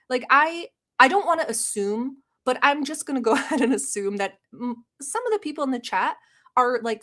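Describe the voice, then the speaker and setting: Speaking in a mid-range, fairly bright tone, a native Turkish-speaking woman from Turkey does casual reaction streaming live. Laughter comes easily as she reads comments from the chat aloud.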